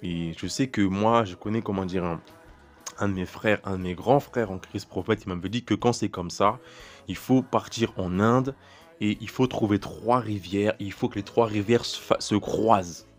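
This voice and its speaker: A young man with a fairly low voice preaches in a loose, conversational way, telling his own story. He circles back, repeats words and restarts his sentences, speaking directly to the listener. Soft music plays faintly behind him. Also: normal speed. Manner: rambling, repeats words and restarts phrases often; talks straight to the listener, casual and chatty. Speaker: preacher styling himself a prophet. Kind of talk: informal spiritual teaching and personal testimony.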